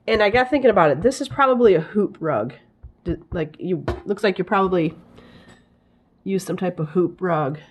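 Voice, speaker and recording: A woman with a raspy, hoarse voice from a head cold, chatting casually as she shows off her thrift finds, often pausing to search for words. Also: lowish voice, a little mellow. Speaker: vlogger showing thrift finds. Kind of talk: casual haul show-and-tell.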